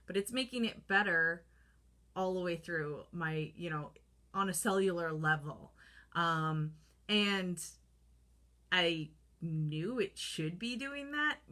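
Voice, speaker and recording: A woman in her thirties talks straight into a close camera in a relaxed vlog, her voice sitting a little low. She rambles in a chatty way, with plenty of fillers, and acts out her own past reactions. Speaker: holistic skincare vlogger. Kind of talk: casual talking-to-camera vlog. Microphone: camera close up, holding products to the lens.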